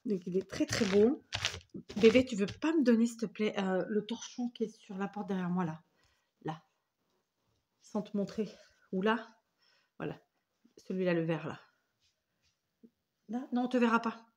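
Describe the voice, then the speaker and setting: Casting: woman, husky crafting vlogger, chatty, often corrects herself mid-sentence. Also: medium pitch, measured pace, pauses often. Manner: rambling, self-correcting, warm thanks to senders. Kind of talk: casual chatty show-and-tell. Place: at home, indoors.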